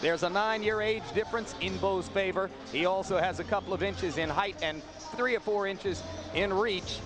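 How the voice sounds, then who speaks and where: High-voiced male boxing broadcast host. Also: normal speed, music in the background. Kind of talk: live sports broadcast commentary. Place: ringside in a large arena.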